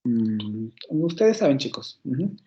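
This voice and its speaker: A man's voice: mid-range voice, sing-song, slow, mellow, dull audio. A man with a Mexican Spanish accent giving an online university phonetics lecture, explaining step by step with fillers and self-corrections.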